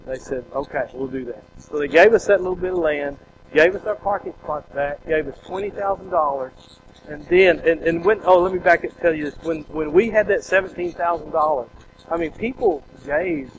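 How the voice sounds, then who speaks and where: Casting: male preacher, folksy animated storyteller, slightly high voice, faint street noise behind. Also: normal speed, muffled recording. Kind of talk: storytelling testimony.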